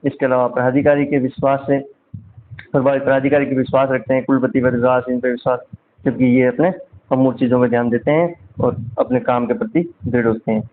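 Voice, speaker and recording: Male exam-prep teacher, mid-pitched, runs a quick Q&A-style revision lecture over thin, phone-band audio. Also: fairly even intonation, narrow, tinny audio. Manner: asks quiz questions and answers them himself.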